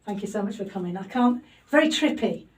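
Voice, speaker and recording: This podcast host sounds animated and talks fairly quickly in a mid-range voice, filling her casual, self-deprecating interview chat with plenty of fillers. She records a homemade show in her loft, sitting far from the mic, with a little hiss or hum audible.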